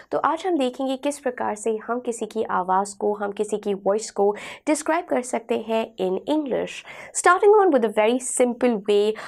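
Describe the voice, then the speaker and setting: An Indian woman teaching an online language lesson. Her voice is hoarse from a sore throat, and she speaks patiently, repeating key phrases slowly. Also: a little high. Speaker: English teacher.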